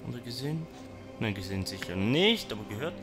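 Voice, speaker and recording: A man's voice: medium pitch, very animated, fast talker, music in the background. A man commenting on his gameplay, talking to zombies and to himself and swearing when startled. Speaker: let's player.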